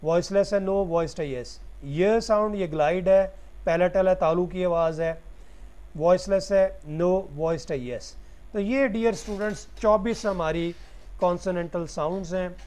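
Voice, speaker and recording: High-voiced man lecturing step by step. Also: normal speed, a little mellow. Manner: explains each sound step by step, asks and answers himself. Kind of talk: recorded phonetics lecture.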